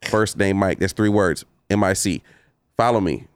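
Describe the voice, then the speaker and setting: A man's voice: sits low, normal speed, clear, resonant tone, no echo. A man in his forties co-hosting a casual podcast, laid-back, swearing freely and repeating himself. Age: 40s. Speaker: podcast co-host.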